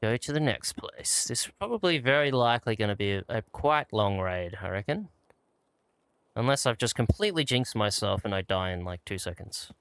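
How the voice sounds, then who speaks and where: A man's voice: lowish voice, lively intonation, moderate pace, fairly bright tone, clear, resonant tone, no echo. A man giving laid-back, casual commentary as he plays a game and talks himself through it. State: out of breath at times. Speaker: gaming channel host.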